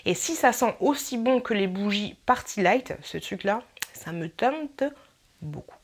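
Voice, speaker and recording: A woman's voice: medium pitch, lively intonation, measured pace. Chatty playful French-speaking woman vlogger. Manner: chatty and playful, rambling with filler asides. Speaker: YouTuber. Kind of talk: casual wishlist vlog.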